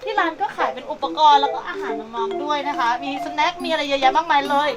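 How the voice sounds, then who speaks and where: A woman's voice: high voice, quick pace. A woman presenting a pet shop video in a playful, gushing, cutesy manner, switching between sales talk and baby talk. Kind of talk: bubbly pet showcase vlog with sales talk. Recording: music laid behind the voice. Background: background music.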